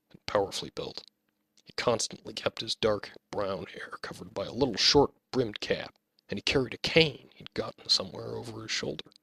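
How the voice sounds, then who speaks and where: A man reads his own fantasy novel aloud in a measured, steady storytelling manner. His voice is on the low side with a gravelly rasp and a bright edge, and the recording is dry and close. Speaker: author narrating his own audiobook. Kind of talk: scripted audiobook narration.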